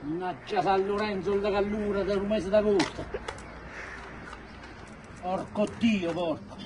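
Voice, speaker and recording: A man's voice: high voice, steady tone, unhurried. A middle-aged man in an exasperated, muttered swearing rant as he works bent over, recorded outdoors on a phone from a few steps away. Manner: exasperated, cursing, straining while bent over work. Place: outdoors by a building wall. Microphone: phone held by another person a few steps away. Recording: outdoor phone video with faint noise.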